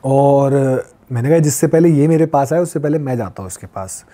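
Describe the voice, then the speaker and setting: A man's voice: medium pitch, moderate pace. A man in his twenties from Uttar Pradesh, a podcast guest telling a story casually and acting out the lines people said to him. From Uttar Pradesh, India. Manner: lively retelling that acts out quoted dialogue. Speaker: podcast guest, long-distance pilgrim walker.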